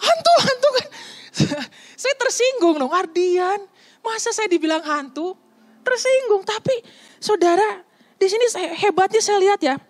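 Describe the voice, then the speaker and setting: A young adult woman preaching a sermon in a conversational, lively way, often asking the congregation questions. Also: extremely high pitch.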